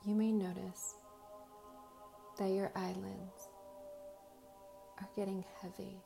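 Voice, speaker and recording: A woman speaking as a slow, soothing hypnotist, guiding relaxation in short soft phrases with long pauses. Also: medium pitch, little pitch movement, creaky. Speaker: host of guided meditation and hypnosis sessions. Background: faint music.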